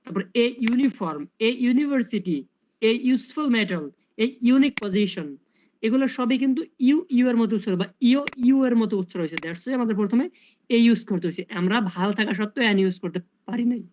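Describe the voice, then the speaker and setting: A man's voice: sits high, fairly quick, a little mellow, lo-fi sound, slight background noise. A man tutoring English grammar in a casual online lesson, explaining step by step and asking rhetorical questions.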